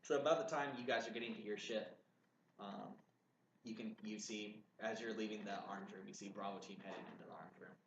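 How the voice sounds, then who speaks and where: A man's voice: on the low side, brisk, dull audio. A man narrating a tabletop game as game master, explaining things patiently. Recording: echoey room with background hum.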